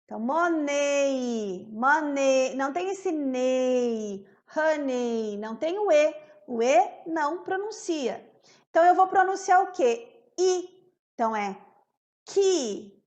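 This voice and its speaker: A Brazilian Portuguese-speaking woman teaching an English pronunciation lesson, saying each word slowly and repeating it several times. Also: sits high, lively intonation, darkish tone. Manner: slow drilling, repeating words several times.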